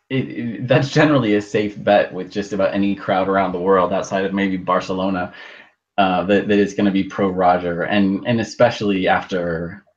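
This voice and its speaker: A man talking as a podcast co-host in casual chat, heard through a low-quality internet call, halting and often restarting his words. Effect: low-quality internet call audio. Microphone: video call. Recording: dull lo-fi video call line.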